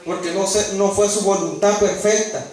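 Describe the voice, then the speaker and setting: A man's voice: high-pitched, steady tone, moderate pace, darkish tone. A man preaching a sermon, acting out dialogue in changing voices. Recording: echoey room heard from a distance.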